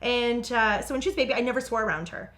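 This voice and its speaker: A woman talking at a rapid clip in a fairly high voice. She tells casual stories in an animated, candid way and swears freely. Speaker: podcast guest. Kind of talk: casual storytelling.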